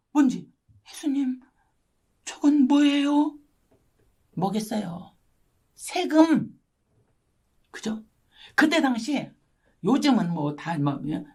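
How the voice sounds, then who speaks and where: A woman's voice: medium pitch, a little mellow, husky. An older woman missionary giving a testimony sermon, telling her story dramatically and often asking her listeners for agreement. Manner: dramatic storytelling, constant tag questions to listeners. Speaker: missionary preacher. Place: church online gathering.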